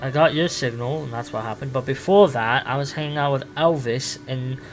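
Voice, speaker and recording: A man playing the Doctor, rambling and halting. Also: mid-range voice, natural voice, low-quality recording. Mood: casual. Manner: halting, rambling, with restarts and fillers. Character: the Doctor, ancient male alien time traveller, restless and lonely. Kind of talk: improvised fan audio drama. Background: music.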